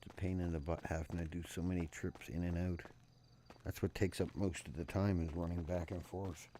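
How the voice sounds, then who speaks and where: A sleepy man who keeps yawning, streaming a game and chatting in a low-key, mumbling way. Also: little pitch movement, brisk, warm tone, slight background noise. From Canada. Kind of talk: casual gameplay commentary.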